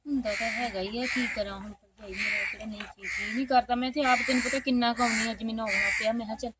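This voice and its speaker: Childless village woman pleading for a son, played by a woman; soft, halting, slightly high; noisy outdoor take with crows. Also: fairly even intonation, lightly acted. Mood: wistful. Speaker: sister-in-law's visitor. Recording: loud background noise, crows cawing.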